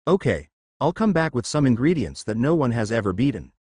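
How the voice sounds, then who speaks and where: A man voicing a gruff, stubborn young male swordsman, speaking bluntly. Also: mid-range voice, very animated, fairly quick, a little mellow, no echo, clean studio sound.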